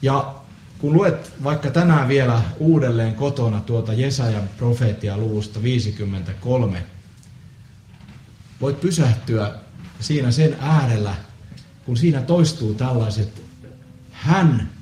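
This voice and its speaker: A man preaching a solemn Good Friday sermon, measured with pauses and the odd hesitant filler. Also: medium pitch, warm tone, slight background noise. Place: church. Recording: echoey church with faint ambience.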